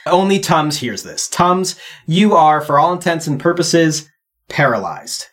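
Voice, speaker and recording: A man's voice: a little high, big pitch swings, a little slow, fairly bright tone. A man running a tabletop game as game master, narrating descriptively and with animation.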